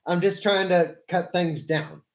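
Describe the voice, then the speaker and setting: A man's voice: sits high, steady tone, unhurried. A man hosting a live stream, debating politics with a caller in an explanatory way, correcting and rephrasing as he goes. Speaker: livestream host.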